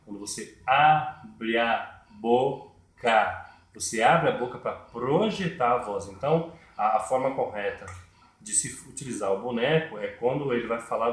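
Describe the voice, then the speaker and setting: A man, teaching puppetry step by step and repeating his points. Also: medium pitch. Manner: repetitive, explains step by step. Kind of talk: tutorial explanation. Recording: echoey room.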